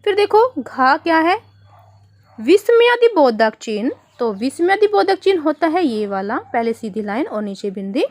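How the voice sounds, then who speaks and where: A woman teaches young children from a worksheet. Her voice sits high and swings widely in pitch. She explains patiently, asking the kids questions and calling them "beta". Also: very animated, normal speed, a little mellow. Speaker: primary school teacher. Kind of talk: online worksheet lesson for children.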